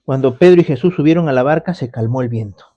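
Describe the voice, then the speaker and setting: On a radio program, a man teaches scripture in a conversational way, explaining things step by step and often checking in with listeners through the tag question "¿no?". His mellow voice is medium-pitched and quick-paced, and the highs are cut off.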